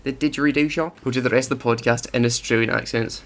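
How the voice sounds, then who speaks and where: Male co-host, gravelly tone, easygoing banter. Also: mid-range voice, fairly even intonation, a bit bright. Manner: jokey, quick asides, mock accents. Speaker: podcast co-host. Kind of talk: casual chat.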